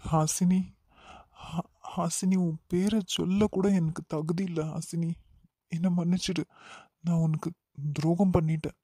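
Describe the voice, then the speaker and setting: Cartoon young man, guilt-ridden and self-blaming, voiced by a man; mellow, dry, Kanyakumari Tamil accent. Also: a little high, little pitch movement, a little slow, long pauses, slightly rough, no room sound. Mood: remorseful. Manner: despairing, self-reproaching. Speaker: cartoon character.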